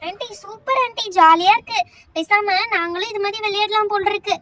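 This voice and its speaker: A woman with a Tamil accent voicing an excited little girl who keeps calling out for aunty in a doll play story. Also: very high voice, a little fast, a loud crowd. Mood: eager. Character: excited little girl helper, chatty and nosy.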